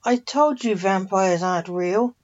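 Brief: frightened young male skeptic, woman narrator voicing, unhurried. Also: medium pitch, lightly acted. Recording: dull lo-fi.

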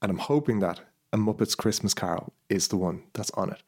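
A man's voice: fairly low pitch, a little fast, darkish tone, breathy edge. A man co-hosting a podcast, spinning a rambling story in casual chat with many restarts. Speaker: podcast co-host.

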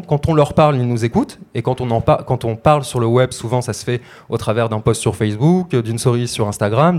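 A man's voice: mid-range voice, a little mellow. A man, a crowdfunding coach, giving a conversational explanatory talk with frequent hesitations.

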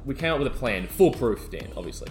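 A man co-hosting a podcast, telling a rowdy story in casual chat and swearing as he acts out the shouting. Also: mid-range voice, fast talker, soft background music. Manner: animated, swearing, acts out shouting in his stories. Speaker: podcast co-host.

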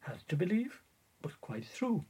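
A man giving an educational talk in a measured way, repeating words and spelling them out. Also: sits high, sing-song, warm tone, slightly rough. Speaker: presenter.

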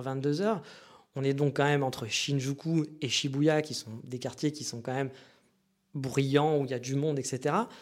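A man hosting a casual monologue, chatty and meandering, with frequent asides to his listeners. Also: on the high side. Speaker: podcast host.

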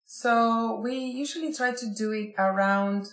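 A woman from Argentina talking as a guest in a casual interview, unhurried and laughing often. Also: on the high side, a bit bright, roomy sound. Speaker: guest designer.

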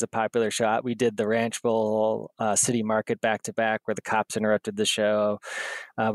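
A man's voice: medium pitch, smooth, no echo, lightly acted. A man putting on a Wisconsin accent as he rambles through a list of past concert dates. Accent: Wisconsin, put on.

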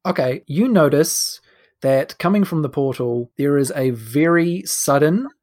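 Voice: medium pitch, lively intonation, unhurried, a little mellow. A game master casually narrating a tabletop game and explaining the rules.

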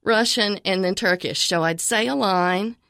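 An older woman from Tennessee with a Southern accent, telling stories as a guest in a casual interview, animated and warm. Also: mid-range voice, measured pace, creaky, dry recording, studio quality. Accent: Southern American. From Tennessee, USA. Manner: lively storyteller, animated and warm. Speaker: guest, pregnancy clinic director.

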